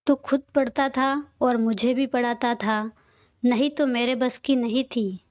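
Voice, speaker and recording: A woman's voice: on the high side, steady tone, unhurried, a little mellow, no room sound, lightly acted. A woman voicing a cheerful, teasing young man who is a loyal friend, in a read-aloud audio story. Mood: friendly.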